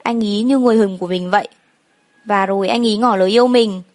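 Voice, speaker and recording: A woman's voice: mid-range voice, steady tone, fast, a little mellow, dry recording, close to an everyday voice. A woman voicing a chatty young female friend who speaks in a breezy, reassuring way.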